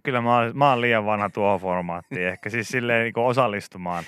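A man's voice: lowish voice, a bit bright, clean tone, dry recording. A man hosting a morning radio show, bantering casually and teasing his co-host with bursts of laughter. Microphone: studio microphone.

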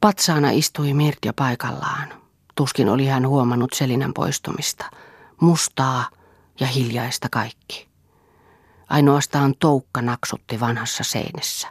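A woman reading a literary novel aloud in a slow, measured, expressive way. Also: a bass voice, slightly rough, no room sound, studio quality. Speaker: audiobook reader. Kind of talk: literary audiobook narration.

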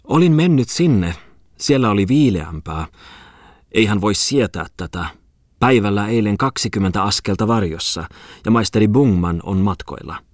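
A man reading aloud voices a showy, chattering merchant's wife who speaks Finnish with a foreign lilt, rattling on in a lively, theatrical way. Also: lowish voice, slightly rough, no echo, clean studio sound, voice pushed up, full character voice. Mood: dignified. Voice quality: foreign-sounding Finnish, chirpy and lilting.

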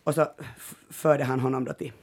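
Creaky-voiced Finland-Swedish woman. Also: a bass voice. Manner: lively storyteller, retells scenes with animated quoted outbursts. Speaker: podcast host. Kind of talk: casual chat.

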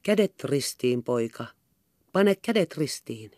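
A woman reading an audiobook aloud and voicing an agitated, stern working-class mother who scolds in sharp commands. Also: extremely low pitch, animated, dry recording. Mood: hushed, commanding.

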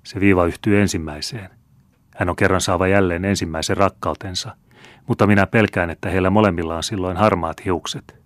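Man voicing an old fortune-teller woman, teasing, blunt, very deep voice, dry studio audiobook. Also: steady tone, dry recording, close to an everyday voice. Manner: teasing, unhurried counting. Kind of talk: audiobook character reading. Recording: dry close studio sound.

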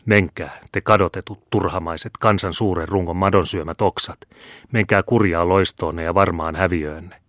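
A man's voice: low voice, a bit bright, dry recording, clean studio sound. A man voicing a fiery, bitter old peasant leader who speaks sternly, in an audiobook. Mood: cursing. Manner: stern, proclaiming.

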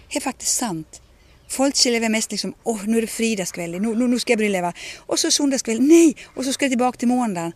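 A woman, telling personal stories in a radio conversation and acting out the dialogue she quotes. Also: medium pitch. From Ostrobothnia, Finland. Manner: animated, acts out quoted dialogue. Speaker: interviewee.

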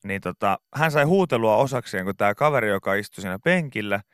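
A man's voice: fairly low pitch, animated, a bit bright, clean tone, no room sound, studio quality. Rambling male radio host telling a story. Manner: rambling anecdotes full of fillers. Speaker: radio morning show host. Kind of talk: casual studio chat, storytelling. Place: radio studio. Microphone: studio microphone.

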